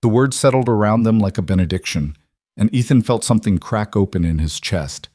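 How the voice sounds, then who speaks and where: Low-voiced male story narrator. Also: fairly quick, darkish tone, no echo, studio quality. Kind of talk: scripted narration.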